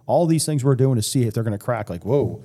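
A man's voice: medium pitch, fast, dark tone, in a large hall. A man in his fifties, a police K-9 sergeant, chatting as a podcast guest and often restarting his sentences. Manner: rambling, with frequent restarts and self-corrections. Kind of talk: casual interview chat.

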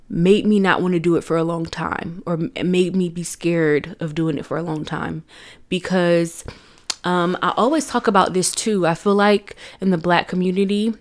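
A young woman tells a personal story to her viewers in a candid, casual way, calling them y'all and laughing between lines. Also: on the low side. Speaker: vlogger.

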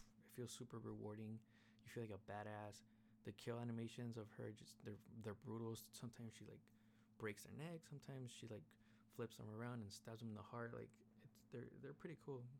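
Gravelly young man ranting casually. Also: medium pitch, darkish tone. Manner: rambling, frequent "like" fillers and swearing. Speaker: podcast host. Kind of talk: casual game review chat. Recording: faint background noise.

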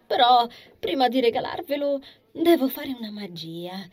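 A woman voicing a gentle, teasing young woman. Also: on the high side, sing-song, moderate pace, voice pushed up. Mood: playful. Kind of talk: audiobook character voice.

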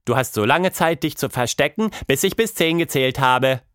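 A man's voice: medium pitch, lively intonation, moderate pace, a bit bright, dry recording, studio quality, pitched above the performer's own voice, lightly acted. A man voicing a patient, sensible young girl in a storybook, explaining the rules of a game. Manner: explaining rules, firm but friendly. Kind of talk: storybook audiobook voice.

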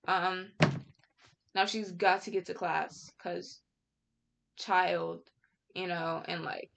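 A woman's voice: fairly low pitch, creaky. A young woman giving casual reaction commentary, rambling with many fillers, restarts and slang. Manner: outspoken, frequent casual slang. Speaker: commentary vlogger.

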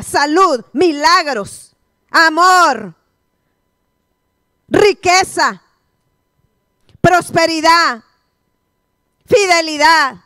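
A woman's voice: high-pitched, pushed and bright, dry recording, clean studio sound. A woman pastor teaching a sermon, quizzing her listeners with repeated questions. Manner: call-and-response, repeated questions to the congregation.

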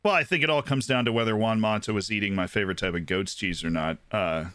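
A man from the United States co-hosting a casual football chat, talking in an animated, joking way. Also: lowish voice, fast talker, no echo. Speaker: football podcast co-host.

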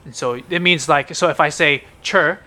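A man's voice: fairly high pitch, moderate pace, pushed and bright. A man in his thirties with a broad New Zealand accent, chatting casually as a podcast co-host. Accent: broad New Zealand (Kiwi). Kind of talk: casual chat explaining slang.

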